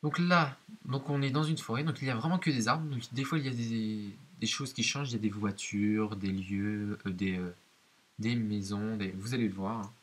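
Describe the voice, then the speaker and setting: Speaking at a moderate pace in a fairly low voice, a man addresses his viewers directly while playing a horror game, his commentary hesitant and explanatory. The audio is a hissy home recording.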